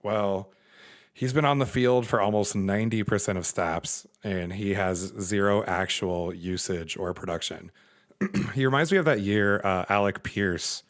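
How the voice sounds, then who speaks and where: A young man co-hosting a casual podcast chat, energetic and quick to laugh. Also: on the low side. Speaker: podcast co-host.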